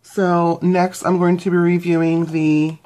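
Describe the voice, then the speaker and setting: Young woman, low voice, casual beauty review, rambling, lots of ums. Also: little pitch movement, unhurried, mellow. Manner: rambling, with fillers and self-corrections. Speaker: beauty vlogger.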